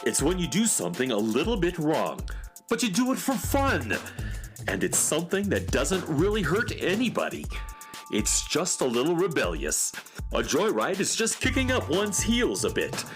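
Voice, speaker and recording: A man's voice: on the high side, wildly swooping pitch, moderate pace. A man playing an eccentric, cheerful handyman inventor in a whimsical, theatrical children's radio comedy style. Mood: cheerful, musing. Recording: music behind the voice.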